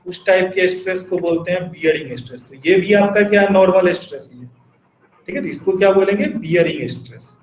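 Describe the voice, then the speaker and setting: Male engineering teacher, classroom lecture, quizzes the class and answers himself, echoey room. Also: sits high. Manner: asks the class questions and answers them himself; dictates definitions slowly in English. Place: classroom with students. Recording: echoey classroom recording with faint ambience.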